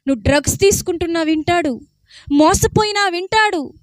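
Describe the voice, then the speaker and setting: Woman preacher, very high bright voice, questioning storytelling sermon, dry close sound. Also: brisk, dry recording.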